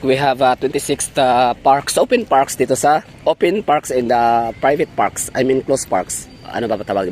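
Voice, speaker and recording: A man with a Bisaya accent talks casually to his viewers in a travel vlog, circling back and correcting himself as he goes. His voice sits at an ordinary middle pitch, picked up on a phone or camera mic outdoors, with faint city traffic murmuring behind him. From Davao, Philippines. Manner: rambling, self-correcting, mixes in English. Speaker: travel vlogger.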